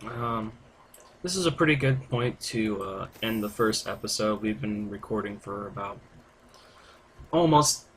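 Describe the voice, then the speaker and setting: A man hosts a let's-play in a fairly low voice. His commentary is casual, with faint game sound behind him. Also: animated, a little slow, a bit bright, a little hiss or hum. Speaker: gaming video host.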